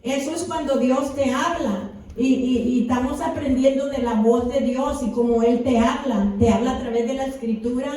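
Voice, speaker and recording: A woman's voice: high voice, normal speed, hardly any pauses, mellow. A woman pastor preaching a sermon with fervor, often adding amens. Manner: fervent preaching with repeated amens. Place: church. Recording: echoey church hall, voice from far off.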